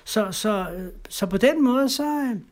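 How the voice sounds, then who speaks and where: An extremely high-pitched, animated middle-aged man from Denmark recounts his personal story as an interview guest. He speaks haltingly, repeats words, and ends lines with tag questions.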